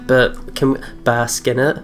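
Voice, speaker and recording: The voice is mid-range, a little slow and flat in delivery, with music playing behind it. A giggly, chatty let's play host talks casually and reads game text aloud over plucked guitar game music.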